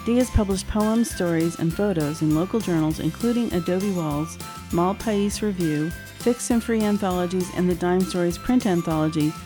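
A woman's voice: fairly low pitch, normal speed, music in the background. A woman host introducing a writer in a scripted, admiring read. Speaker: podcast host.

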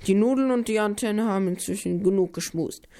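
A woman tells a children's story in a playful back-and-forth, cutting in with a new twist. Her voice sits at an ordinary middle pitch. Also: fairly quick, mellow. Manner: playful, interrupts to twist the plot.

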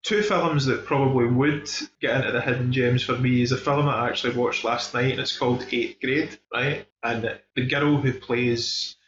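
This Scottish-accented podcast host talks films in a relaxed, excited way, stressing plenty of words. He has a medium-pitched, steady voice and keeps a moderate pace with few pauses, captured in a dull room recording with echo.

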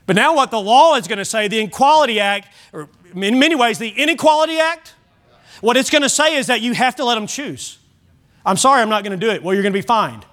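A man's voice: very high voice, animated, quick pace, fairly bright tone. A man preaching a Sunday sermon as pastor, earnest and direct, often stumbling over and restarting his words.

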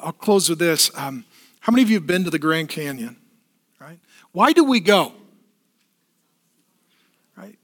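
A man with a fairly high voice preaches to his congregation in church. He keeps it lively, putting questions and quick asides to the people in front of him. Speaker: pastor. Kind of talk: sermon.

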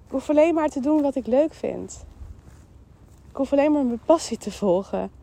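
A woman with a Dutch accent hosting a podcast, giving a calm, emphatic mindfulness talk that repeats phrases and voices the thoughts in her head. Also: high voice, normal speed, creaky. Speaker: podcast host. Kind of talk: mindfulness monologue.

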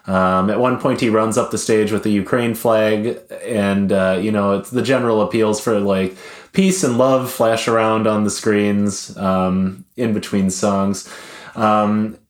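A man's voice: lowish voice, steady tone, a little slow, echoey room. A man casually telling a long, wry story in a rambling, hesitant way. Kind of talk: casual chat.

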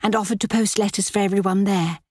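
A woman's voice: medium pitch, fairly even intonation, fast, dry recording, clean studio sound, voice pushed up, lightly acted. A woman voicing a restrained young aristocratic wife in a storybook reading. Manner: restrained, quiet.

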